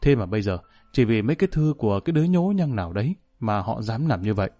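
A man voicing a proud older male filmmaker who feels wounded and insulted, talking in a gruff, indignant way. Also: on the low side, big pitch swings, quick pace, warm tone.

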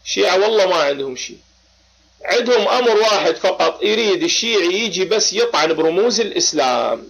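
A man's voice: sits high, creaky, fairly bright tone, breathy edge. A man from Baghdad with an Iraqi accent, hosting a live religious debate chat while he has a cold, talking emphatically with many short affirmations. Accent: Iraqi Arabic, Baghdad. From Iraq. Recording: lo-fi online voice chat.

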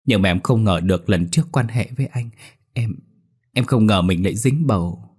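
A man's voice: on the low side, moderate pace, a little mellow, slightly rough. A man voicing a sobbing, pleading young wife. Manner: begging, tearful, rising to cries.

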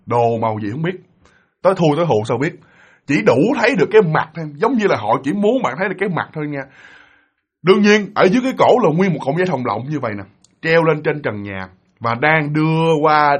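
Husky, animated Southern Vietnamese storyteller. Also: male voice, a little high. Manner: animated, vivid and dramatic. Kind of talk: ghost story narration to an audience.

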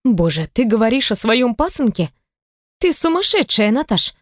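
A woman's voice: a little high, big pitch swings, normal speed, dry recording, clean studio sound. A woman voicing a shy, tired young woman who is easily embarrassed. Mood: weary, embarrassed. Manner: weary, embarrassed, soft. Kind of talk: audiobook character reading.

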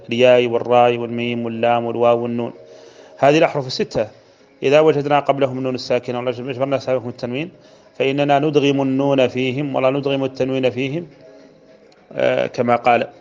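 A man teaching the rules of Quran recitation, drawing out verse lines slowly and then explaining them. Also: mid-range voice, flat delivery, darkish tone. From Mauritania. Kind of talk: explanatory religious lesson. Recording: dull lo-fi recording.

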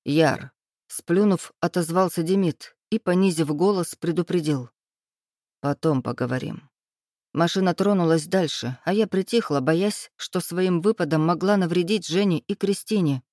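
A woman reading a first-person novel aloud in a steady, even storytelling manner. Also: on the low side, normal speed, hardly any pauses, no echo, studio quality. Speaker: audiobook narrator. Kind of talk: first-person scripted narration.

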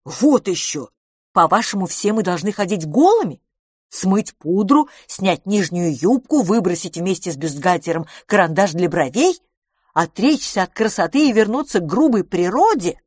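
A woman reading the part of a confident, boastful beauty salon owner in an audiobook, speaking briskly and emphatically. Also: medium pitch, expressive, no room sound, clean studio sound, natural voice.

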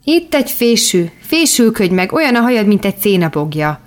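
A woman's voice: medium pitch, big pitch swings, soft background music, lightly acted. A woman reading an audiobook and voicing a poor, kind-hearted teenage boy who likes to tease, with a playful delivery. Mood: teasing. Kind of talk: audiobook character voice.

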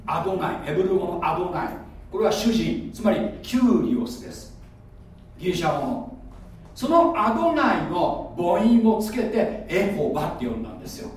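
A pastor, recorded distantly in an echoey space, preaches in an instructive style and asks his listeners questions. He speaks high with big pitch swings at a moderate pace, over slight background noise.

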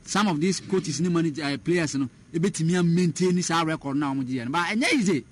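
A fast-talking football pundit with a slightly mellow voice on the high side speaks in a radio sports discussion, with slight background noise. He mixes Twi and English, frequently filling pauses and restarting.

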